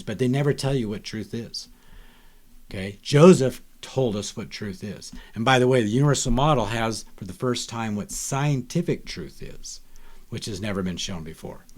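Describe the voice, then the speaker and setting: A man's voice: medium pitch, darkish tone. An older man speaking as a guest on a podcast, emphatic and preachy, with frequent rhetorical questions. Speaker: guest author.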